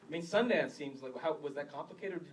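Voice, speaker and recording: A man's voice: a little high, expressive, brisk. A man moderating a screening Q&A, asking casual questions and giving brief affirmations. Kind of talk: interview questions. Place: theater with audience. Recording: distant mic in a crowded theater.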